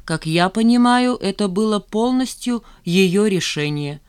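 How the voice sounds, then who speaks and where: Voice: medium pitch, measured pace, clear, resonant tone, pitched above the performer's own voice, natural voice. An audiobook reader voicing a nosy, jealous male friend who chatters animatedly. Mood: self-important. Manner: gossipy, animated. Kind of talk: audiobook character voice.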